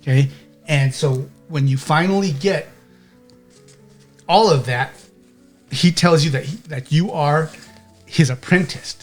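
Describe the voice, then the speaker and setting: A man's voice: fairly high pitch, measured pace, long pauses, soft background music. A man narrating a tabletop game as game master, rambling and checking in with "okay?".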